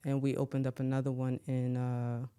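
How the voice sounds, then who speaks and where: An American woman from Philadelphia, a shoe designer, talking as a podcast guest in a relaxed, conversational way. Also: very deep voice, moderate pace, clear, resonant tone. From Philadelphia, USA. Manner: relaxed, conversational, often asks "you know what I mean". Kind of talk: casual interview talk.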